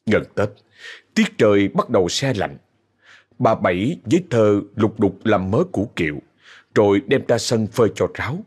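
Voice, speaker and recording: A man narrating a ghost story in a dramatic, expressive way. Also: on the low side, moderate pace, slightly rough.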